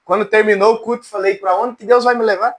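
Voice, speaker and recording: A man with a strikingly high, cracked voice leads a relaxed church class. He jokes along in a folksy way and keeps calling on students by name. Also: fast talker. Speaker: Bible teacher. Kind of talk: informal church class lecture.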